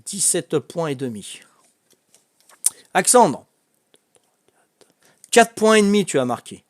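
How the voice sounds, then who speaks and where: A man's voice: a little high, very animated, slow, no echo, studio quality. Chatty Corsican man hosting a family quiz. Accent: Corsican French. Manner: chatty, laughs often, reads out answers. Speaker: quiz host.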